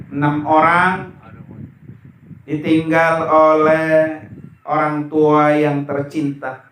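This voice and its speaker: A man preaching at a memorial gathering, slow and emphatic, asking his listeners questions. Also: on the high side. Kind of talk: sermon. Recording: echoey room, voice from far off.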